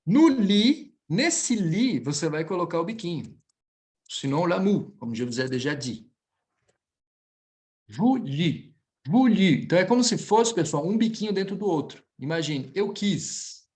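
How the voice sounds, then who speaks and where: With a high-pitched male voice and a Brazilian Portuguese accent, this lively teacher runs an online French class. Slow, elongated model phrases alternate with rapid explanations.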